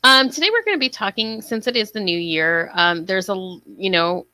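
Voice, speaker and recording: A woman's voice: mid-range voice, lively intonation, moderate pace, bright, forceful tone, no echo. A woman from Brooklyn with a Brooklyn accent, co-hosting a casual podcast and laughing often. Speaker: podcast co-host.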